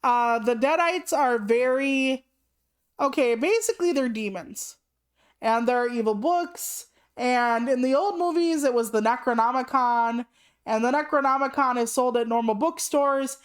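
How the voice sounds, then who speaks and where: A woman's voice: high voice, a little slow, clear, resonant tone. A woman in her late thirties chatting casually on a live stream, rambling through asides and swearing freely. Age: 30s. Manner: rambling asides with many "like" fillers.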